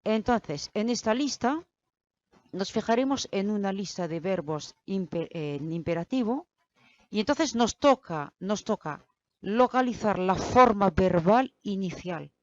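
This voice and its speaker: A woman teaching a grammar lesson, explaining slowly and deliberately and speaking straight to the learner. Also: medium pitch, expressive, no echo. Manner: slow, deliberate explaining, addressing the learner directly. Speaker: Spanish teacher. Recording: dull, lo-fi, dry sound.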